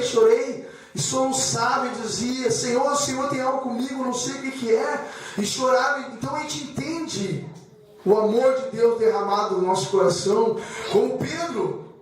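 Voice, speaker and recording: A man preaching a sermon with personal testimony, emotional and repetitive, calling the congregation brothers. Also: very high voice. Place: church hall. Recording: echoey church hall from far off.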